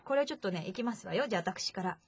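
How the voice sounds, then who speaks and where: A woman's voice: medium pitch, animated, racing, husky. A woman co-host chatting casually, teasing and laughing often. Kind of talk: casual radio-show chat.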